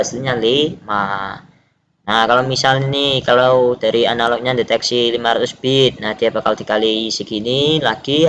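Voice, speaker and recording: A man's voice: medium pitch, fairly bright tone, muffled recording, a little hiss or hum. A young man from Java, a student explaining a lab project in an informal, hesitant way, full of fillers and self-corrections. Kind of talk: casual technical explanation.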